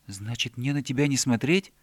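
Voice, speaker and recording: A man's voice: medium pitch, normal speed, slightly rough, dry recording, studio quality, close to an everyday voice. A man voicing a simple-hearted, playful young male bear cub in a storybook reading, naive and boisterous. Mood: puzzled.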